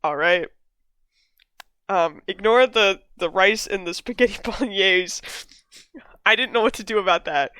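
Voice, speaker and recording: A chatty woman hosts a casual book discussion and laughs easily between her questions. Her voice is bright and forward. The sound is dry and close, with no room around it. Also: medium pitch, a little slow, long pauses, dry recording. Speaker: book club host.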